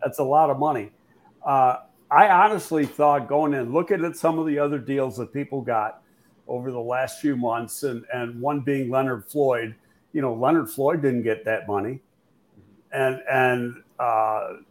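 A man's voice: medium pitch, a little mellow. A man hosting a football talk show, giving frank, analytical opinions in a casual conversational way with frequent fillers and restarts.

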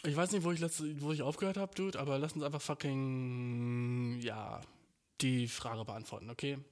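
A man's voice: medium pitch, steady tone, normal speed. A young man hosting his own podcast, venting in a rambling, slangy, swear-heavy way about his audio troubles. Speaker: podcast host. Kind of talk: casual solo podcast rant. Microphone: home podcast mic.

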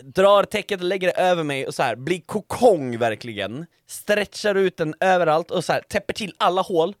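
Animated man telling a comic story. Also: high voice, dry recording, studio quality. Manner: swears a lot, mixes in English phrases. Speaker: podcast co-host.

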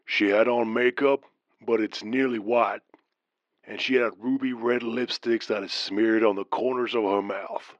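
A man voicing a trucker caller with a deep southern accent, telling a strange tale slowly in a hushed, drawling way. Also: fairly even intonation, dry recording, muffled recording, lightly acted. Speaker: caller in a story. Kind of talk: storytelling narration.

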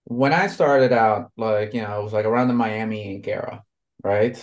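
A man's voice: on the low side, normal speed, lo-fi sound. Rambling man in his thirties, from Honduras. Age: 30s. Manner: rambling, lots of fillers like "you know". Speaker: tattoo artist guest. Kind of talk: casual conversation.

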